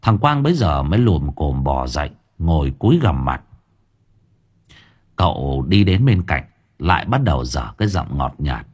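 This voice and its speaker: Male audiobook narrator: very low, husky, lively delivery. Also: moderate pace.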